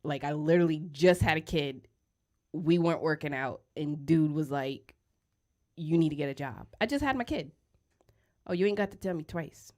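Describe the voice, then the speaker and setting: A woman in her thirties with a fairly low voice talks into a studio mic. She is blunt and outspoken, jokes through her points and breaks into loud laughter. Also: expressive, normal speed. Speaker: podcast co-host. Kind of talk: casual chat. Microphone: studio microphone.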